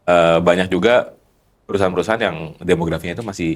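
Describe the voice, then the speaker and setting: Deep-voiced man explaining at length. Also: fast. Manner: explanatory, lays out points step by step. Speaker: guest, company founder. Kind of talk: casual podcast conversation.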